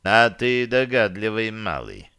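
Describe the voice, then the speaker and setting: A man's voice: lowish voice, big pitch swings, measured pace, sharp tone, clean tone, heavily acted. A man reading an audiobook voices a cold, imperious man who drawls his words. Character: cold, slow-spoken grown man, imperious.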